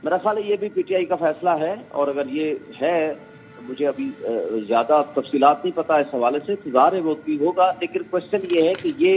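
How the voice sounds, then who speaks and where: A man speaking as a guest lawyer on a phone-in interview, making measured arguments and quoting others. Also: on the high side. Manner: measured legal arguing, quotes others. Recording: tinny phone line with faint music.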